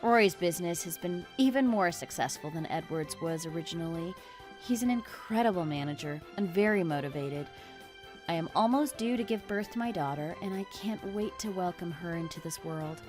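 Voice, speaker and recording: A woman narrating a text-message story in a scripted, matter-of-fact way. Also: on the low side.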